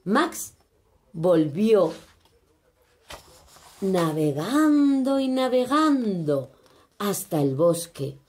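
A woman from reading a children's story aloud in an expressive, animated way. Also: medium pitch, extremely slow, long pauses.

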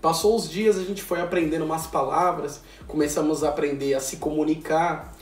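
A Brazilian man in his twenties telling a self-mocking anecdote in a casual, animated way, full of slang. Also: a little high, a little fast. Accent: Brazilian Portuguese. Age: 20s. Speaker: vlogger. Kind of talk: casual storytelling. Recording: roomy echo, distant mic, faint music.

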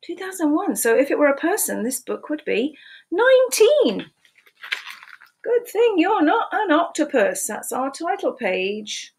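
A woman in her sixties reads a picture book to young children in a high, sing-song, unhurried voice, pausing to ask them questions. There's slight background noise. She's in a small room at home, captured by her desk webcam.

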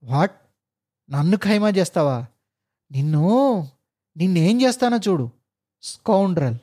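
A man voicing an arrogant, hot-tempered engineer boss who barks and shouts with scorn. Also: high-pitched, animated, unhurried. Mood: furious.

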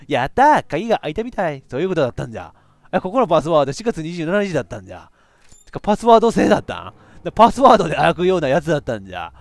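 Man, let's play commentary, very lively pitch, dry close sound, excitable. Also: rapid-fire, creaky, no room sound. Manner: excitable, reacts loudly with frequent laughs. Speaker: VTuber game streamer.

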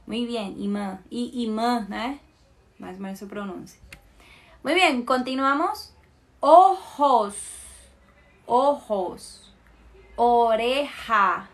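A woman from Colombia with a Colombian accent, a native Spanish speaker teaching a live online lesson in Portuguese, saying words slowly and repeating them for students to copy. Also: on the high side, fairly bright tone.

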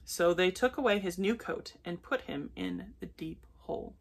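A woman reading a children's Bible story aloud at bedtime, gentle and unhurried, with brief self-corrections. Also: lowish voice, wildly swooping pitch, a little hiss or hum.

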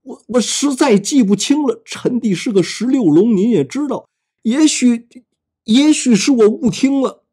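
A man's voice: extremely high pitch, expressive, unhurried, warm tone, slightly rough, pitched above the performer's own voice, heavily acted. A man voicing a timid middle-aged prince who stammers and tries to placate. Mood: flustered.

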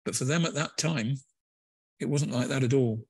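A man's voice: medium pitch, normal speed, breathy edge, no room sound. A man preaching a conversational sermon in a church, with hesitant fillers and restarts. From England.

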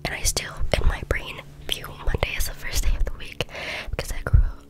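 A person from Cambodia whispering ASMR trivia up close through cupped hands, right at the microphone. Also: a little fast. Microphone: very close to the mic, hands cupped.

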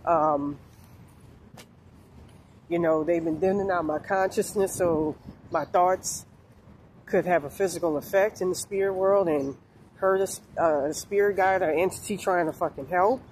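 A woman in her forties talking outdoors in a meandering, halting way with many fillers and curses, filmed on a phone held at arm's length. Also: fairly low pitch, a little mellow, poor audio. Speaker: vlogger. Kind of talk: rambling spiritual vlog. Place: outdoors on a sunny street. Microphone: phone held low at arm's length. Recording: phone outdoors with faint traffic noise. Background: faint street noise and passing cars.

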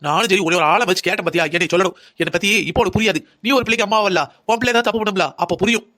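Woman as an older mother-in-law in a cartoon: rapid, pleading and lamenting, doting on her wayward daughter. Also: mid-range voice, fairly bright tone, lightly acted. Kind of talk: cartoon drama voice acting.

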